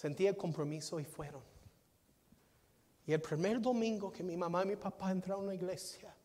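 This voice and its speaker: An American pastor with a high male voice preaches a sermon fairly quickly, the long reverb of a large hall around him. His delivery is dynamic, swinging from soft to loud and repeating phrases.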